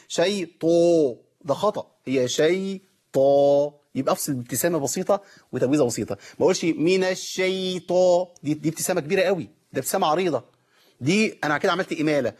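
A rapid-fire Egyptian teacher walks learners through the rules of Quran recitation. His voice is husky and sits a little high, and he keeps asking questions of his listeners before answering them himself. Now and then he slows down to model the correct pronunciation. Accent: Egyptian Arabic. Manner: explains with rhetorical questions, demonstrates recitation. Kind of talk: tajweed lesson.

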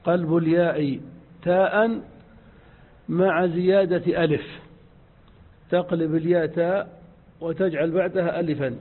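Male grammar teacher, slightly high voice, patient and repetitive delivery, tinny phone-like sound. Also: fairly even intonation. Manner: slow, drawn-out repetition of examples. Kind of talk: grammar lesson.

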